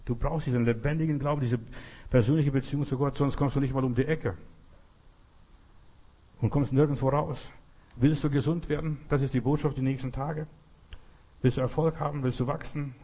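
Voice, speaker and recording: A man's voice: mid-range voice, steady tone, moderate pace, pauses often, dark tone, husky. A man preaching a sermon, urging his listeners directly and earnestly, telling stories and calling each listener to act.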